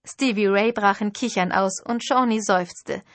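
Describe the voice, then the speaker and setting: A woman narrating a first-person novel in an expressive storytelling way. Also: mid-range voice, a little slow, dry recording. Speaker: audiobook narrator.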